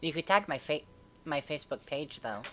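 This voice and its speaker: A woman's voice: low voice, expressive, normal speed, sharp tone, a little hiss or hum. A woman co-hosting a comedic reading of fan fiction, with dry, mocking commentary.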